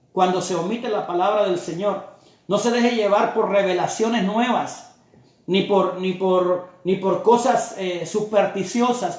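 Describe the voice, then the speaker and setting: A man preaching a sermon with an emphatic, repetitive cadence. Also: high-pitched. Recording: very echoey room.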